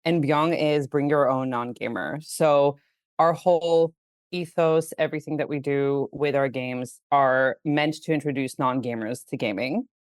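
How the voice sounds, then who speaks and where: A Greek woman in her thirties, CEO of a game studio, guests on a casual podcast, chatting freely, laughing easily and dropping plenty of "like"s and "you know"s. Her very deep voice moves unhurriedly, with no room sound in the recording.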